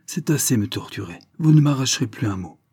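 An audiobook reader playing an enraged prisoner in his thirties, shouting his confession defiantly. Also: on the low side, expressive, normal speed, husky. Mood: stubborn.

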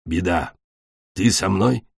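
A man voicing Kestrel, a gruff bitter she-dragon. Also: low-pitched, takes it slowly, a little mellow, no echo, clean studio sound, voice pushed down, full character voice. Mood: cold. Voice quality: gruff, cold. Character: harsh, bitter adult female dragon, a mother.

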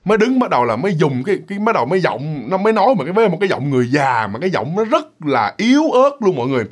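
A man's voice: on the high side, big pitch swings, rapid-fire. A man with a Mekong Delta accent telling a ghost story in a chatty, loose, repetitive way, speaking directly to his listeners. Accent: Southern Vietnamese, Mekong Delta. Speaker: storyteller, channel host. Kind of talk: casual ghost story narration.

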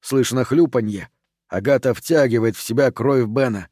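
A man narrating a horror audiobook in an even, steady reading voice. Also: medium pitch, normal speed, no room sound, clean studio sound.

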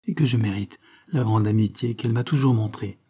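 Guy doing a tormented young woman, voice pushed up higher, dark and husky underneath. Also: brisk. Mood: pained resolve. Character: young woman, anguished, self-denying.

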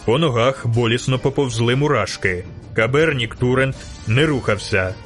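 A man reading a fantasy novel aloud as audiobook narrator, with measured, dramatic storytelling. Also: medium pitch, fairly bright tone. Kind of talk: scripted narration.

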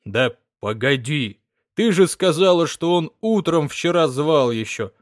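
Stern middle-aged village priest voiced by a male reader, slow reproachful scolding, dry close sound. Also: on the high side, animated, no echo.

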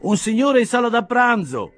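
A man's voice: extremely high pitch, very animated, normal speed, a bit bright, soft background music, pitched above the performer's own voice, full character voice. A man voicing a polite male bootblack servant in a read-aloud novel, with a raised, deferential manner. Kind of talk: audiobook character voice.

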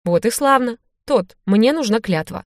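A woman reading an audiobook voices a stern, commanding man who barks orders loudly. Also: a little high, expressive, a little slow, no echo, clean studio sound, pitched above the performer's own voice. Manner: barking, forceful.

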